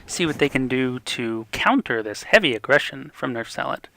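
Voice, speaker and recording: A young man casting a live esports match with the hiccups, calling plays quickly and getting excited during fights. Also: mid-range voice, vocal fry, slight background noise. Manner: rapid excited play-by-play that rises in fights. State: has the hiccups. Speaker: esports caster.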